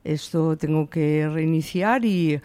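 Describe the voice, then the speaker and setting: A woman from the Valencia region in Spain, in her sixties and running a shop, gives earnest, emphatic interview answers and quotes what she once said. She talks slowly in a low-pitched, dark, smooth voice, recorded without echo.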